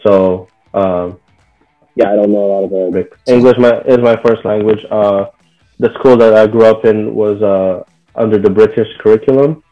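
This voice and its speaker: In a dull-sounding recording with soft music behind, a young man from Bahrain gives an interview in a low-leaning voice at normal speed. He keeps things relaxed and casual, dropping plenty of "like" and "you know."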